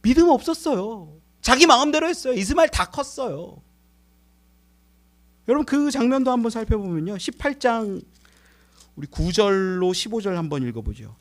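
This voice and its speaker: Brief: male preacher, animated Sunday sermon, high tenor, rhetorical questions. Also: moderate pace. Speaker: pastor. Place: church sanctuary.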